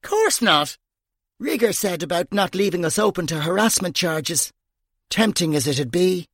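A bawdy, brash woman detective, as a male narrator puts her on for an audiobook. Her voice sits high and swoops about with lively, sing-song inflection. The sound is close and dry. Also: a little slow, no echo, full character voice. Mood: wry. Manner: brash, crude storyteller.

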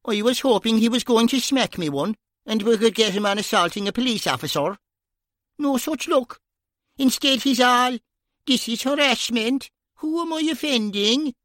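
A male narrator voicing a wordy, pompous male detective with a Kerry accent and slow, formal phrasing. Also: extremely high pitch, lively intonation, a bit bright, no room sound, studio quality, pitched above the performer's own voice. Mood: droll.

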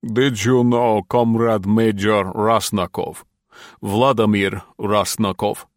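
A man voicing a fat, ruddy older Soviet general with a rasping voice, giving slow, deliberate orders in an audiobook. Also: on the low side, steady tone, no room sound, studio quality. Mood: commanding. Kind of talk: audiobook character voice.

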